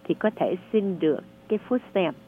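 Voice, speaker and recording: A woman answers callers on a radio advice show, laying out benefit rules in a patient, reassuring way. Her voice sits a little low. It comes through a thin, phone-like channel. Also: expressive, normal speed. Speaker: radio advisor on social services. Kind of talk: call-in advice, explaining benefits. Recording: narrow phone-like sound.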